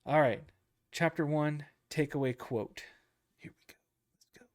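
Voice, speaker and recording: With a higher-pitched voice and a measured pace, a man coaches traders casually through a chapter of a book. He repeats himself a lot, keeps asking "okay?" and "right?", and pokes fun at himself in a goofy way.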